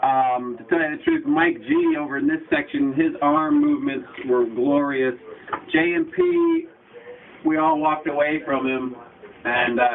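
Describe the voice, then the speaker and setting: A man's voice: medium pitch, gravelly, far from the mic. A man on staff at a station, chatting playfully with a bucket over his head that muffles his voice. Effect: muffled, talking with a bucket over his head. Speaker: station staffer filming the segment. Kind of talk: joking casual chat.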